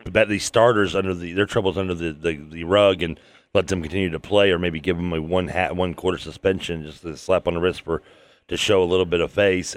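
A man co-hosting a casual sports talk show, speaking haltingly and repeating words as he searches for them. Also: deep voice, dry recording.

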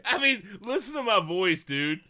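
A man's voice: high voice, very animated, a little slow, heavy background noise. A man hosting a sports podcast in crude, joking, boozy casual banter, swearing freely and prone to laughing. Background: laughing co-hosts.

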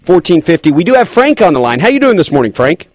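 A man hosting a sports call-in radio show, speaking in a polite, measured way. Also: a little high, very animated, a little mellow, no echo, clean studio sound.

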